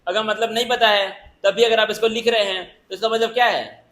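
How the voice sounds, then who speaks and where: A man's voice: sits high, fairly even intonation, brisk, bright, forceful tone. A man teaching a coaching class, scolding his students in a stern, repetitive lecturing manner. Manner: stern, lecturing, repeats himself.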